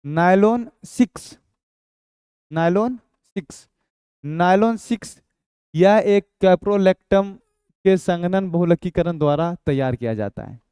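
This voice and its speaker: A man teaches chemistry in a coaxing, repetitive way, asking questions and answering them himself. His voice is a little high, mellow and smooth, and it sounds dry and close. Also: expressive, unhurried, pauses often, dry recording. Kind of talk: exam-prep lecture.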